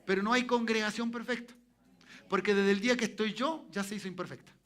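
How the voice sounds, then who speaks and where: A man's voice: high voice, steady tone, fast talker, a bit bright. A Chilean man preaching a sermon as pastor in a church, often asking the congregation for an amen. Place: church sanctuary.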